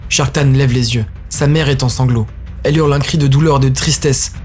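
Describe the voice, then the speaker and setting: A man narrating a dark science-fiction audio story in a grave, intense manner. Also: mid-range voice, steady tone, a little fast, soft background music.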